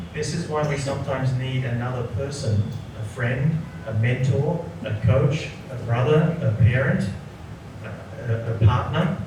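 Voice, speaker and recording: A man in his forties, from Sri Lanka, a psychologist giving a workshop lecture who keeps checking in with the audience by asking "right?". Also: on the high side. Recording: echoey room, voice from a distant mic, noticeable background noise.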